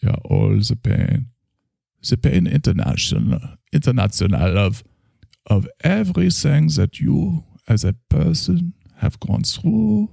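A man voicing a gentle, solemn psychoanalyst with a slow, soothing, grandiose way of speaking. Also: medium pitch, sing-song, vocal fry, no echo, clean studio sound, pitched above the performer's own voice, full character voice. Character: gentle, solemn male German psychoanalyst, middle-aged.

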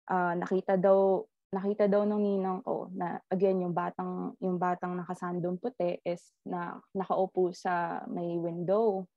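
A woman telling a ghost story in casual chat, animated and laughing often as she tells it. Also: lowish voice, a little slow, no room sound. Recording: slightly dull lo-fi audio.

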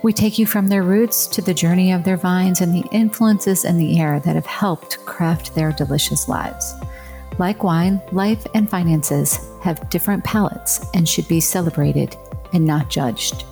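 A woman from the United States speaks in a moderately low voice as a podcast host. She moves between introducing the show and relaxed, conversational interviewing. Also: measured pace, faint music behind.

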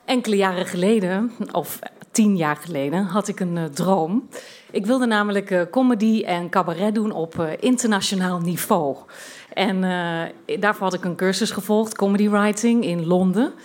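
A woman from Twente tells a true story from her own life before a live audience. She talks in a chatty, halting way, filling her pauses with frequent hesitation sounds. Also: medium pitch, darkish tone. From Twente, Netherlands. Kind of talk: personal story told at a live storytelling event.

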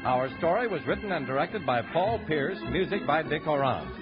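Old radio announcer: American man, high, lively swooping pitch, emphatic sell, music bed, dull vintage sound. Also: normal speed. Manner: polished, emphatic sponsor delivery.

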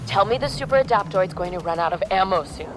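An actress playing a sarcastic, combative armored heroine in an audio drama. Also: female voice, medium pitch, animated, fast, slight background noise, lightly acted. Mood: impatient. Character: defiant, sarcastic, combative armored woman fighter.

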